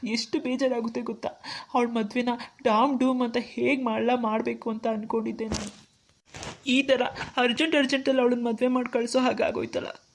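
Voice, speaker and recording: A woman's voice: a little high, level tone, moderate pace, a little hiss or hum, natural voice. Woman voicing a troubled cartoon husband. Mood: upset. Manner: earnest, troubled. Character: worried young husband and older brother. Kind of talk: cartoon dialogue acting.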